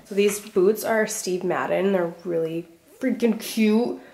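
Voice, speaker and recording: A young woman vlogging her outfit try-on in a loose, chatty way, leaning on "like" as she goes. She sounds a little out of breath, with a voice of ordinary middle pitch for a woman. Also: unhurried, a little mellow, slight background noise. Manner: chatty, fillers like "like", upbeat. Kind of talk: casual try-on haul chat.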